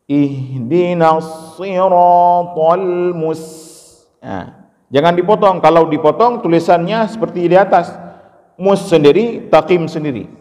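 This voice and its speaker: A man teaching a class how to pronounce each word of a recitation correctly. He patiently explains each sound, then chants the word slowly as a model. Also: on the high side, animated, darkish tone. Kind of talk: step-by-step recitation lesson. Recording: long hall reverb.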